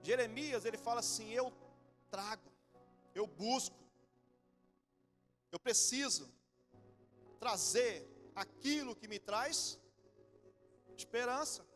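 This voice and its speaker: A man in his forties with a Brazilian accent, preaching a sermon in church, animated and then suddenly soft and low. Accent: Brazilian Portuguese. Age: 40s. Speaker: pastor.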